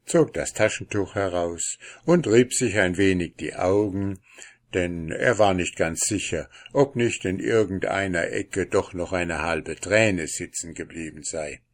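Slow, unhurried male fairy-tale reader, calm delivery. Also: low-pitched. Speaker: narrator.

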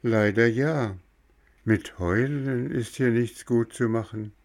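A man voicing a kindly little marmot who gently explains a hard truth. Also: mid-range voice, slow, voice pushed up. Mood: solemn. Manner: gentle and patient, lecturing softly. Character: kindly small marmot neighbor, gentle and wise.

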